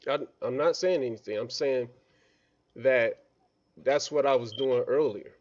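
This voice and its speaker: A man on a group voice chat, his audio coming through muffled and lo-fi as the connection breaks up. He talks at a middling pitch and likes to frame his points as questions for the others to weigh in on. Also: unhurried. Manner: poses points as questions instead of stating facts. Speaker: participant in an online group discussion. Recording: dull lo-fi voice-chat line.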